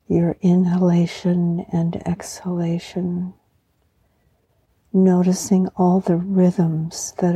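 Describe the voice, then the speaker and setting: Very soft, breathy, serene woman guiding meditation. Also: fairly low pitch, no room sound. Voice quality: soft, breathy, often near a whisper. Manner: serene, soothing, slow and unhurried. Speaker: podcast host and meditation guide. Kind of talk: guided meditation with poetry reflection.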